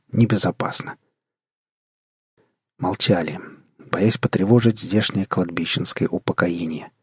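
A man narrating a post-apocalyptic audiobook in the first person, measured and tense. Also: lowish voice, darkish tone, husky, no room sound, studio quality.

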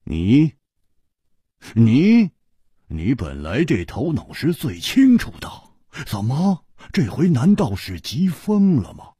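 A male storyteller voicing a boisterous, hot-tempered swordsman who talks loudly and scolds his friend. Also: medium pitch, huge pitch swings, normal speed, husky, no room sound, studio quality, voice pushed up, exaggerated voice. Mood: scolding. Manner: loud, blustering, scolding.

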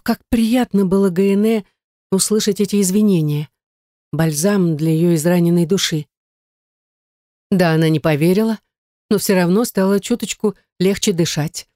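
A woman narrates an audiobook in a low voice, steady and tense. The sound is close and dry, with no room behind it. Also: dry recording. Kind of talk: scripted narration.

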